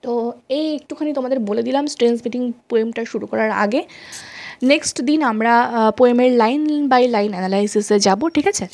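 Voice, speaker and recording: A woman teacher giving a lecture, reading English notes slowly and then explaining them, often checking that students follow. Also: a little high, darkish tone. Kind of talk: classroom lecture.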